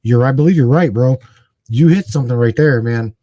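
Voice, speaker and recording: A man's voice: medium pitch, a little fast, dark tone, no room sound. A man in his forties co-hosting a talk show, speaking emphatically and animatedly with casual slang. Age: 40s. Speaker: guest co-host. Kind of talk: casual conversation.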